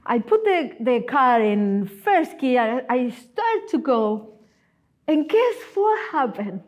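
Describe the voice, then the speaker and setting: A woman in her forties, a guest speaker at church, preaches a sermon in a high voice, taking her time. She is animated, telling personal stories and slipping in humorous asides.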